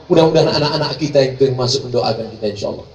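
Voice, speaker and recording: A man preaching a humorous live sermon, animated, mixing jokes with chanted Arabic prayers. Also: medium pitch, very fast, lo-fi sound. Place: live gathering, large space. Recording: roomy, distant mic, faint background noise.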